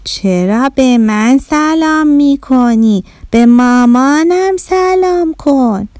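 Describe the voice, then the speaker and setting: A woman voicing a young girl who slowly and firmly corrects her guest. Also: high-pitched, lively intonation, darkish tone, no room sound, clean studio sound, pitched above the performer's own voice. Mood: earnest.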